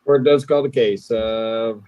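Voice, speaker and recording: A man's voice: medium pitch, steady tone, slow pace, mellow, slight background noise. A man presiding as a judge in courtroom audio replayed in a stream. He calls cases and sets dates in a formal, procedural way. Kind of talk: presiding over court hearings.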